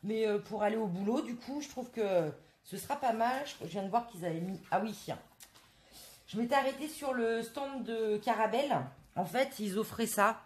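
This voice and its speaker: A woman's voice: a little high, moderate pace. A woman from France in a casual haul video, chatting to her viewers with many hesitant fillers. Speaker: craft vlogger.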